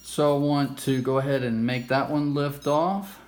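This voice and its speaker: A man hosts a casual, hands-on play-through of a retro game, explaining things informally with nerdy, self-amused enthusiasm. His voice is medium-pitched and darkish, with fairly even intonation and a measured pace. The amateur recording is clearly noisy.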